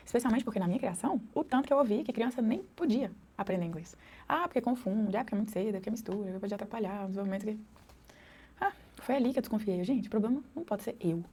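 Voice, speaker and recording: A woman's voice: mid-range voice, mellow, breathy edge. A Brazilian woman in her thirties, an English teacher and mother, talking to camera in a chatty vlog with a Brazilian Portuguese accent, often adding tag questions.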